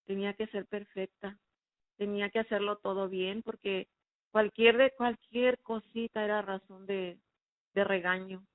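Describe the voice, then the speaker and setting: A woman's voice: medium pitch, fairly even intonation, unhurried, dry recording. A woman giving a personal faith testimony, recounting her past in an earnest, emotional way. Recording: phone-like narrow sound, dry.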